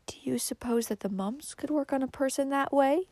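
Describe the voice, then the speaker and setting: A woman's voice: high-pitched, animated, moderate pace, darkish tone, dry recording, voice pushed up. A woman voicing a worried, gossipy female cousin in a storybook, moaning and whimpering her words. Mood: fretful.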